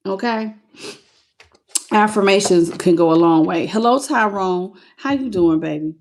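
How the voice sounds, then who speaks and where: A woman's voice: medium pitch, darkish tone. A woman reading tarot cards on a live stream, talking casually and bluntly, teasing and greeting her viewers by name. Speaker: tarot reader.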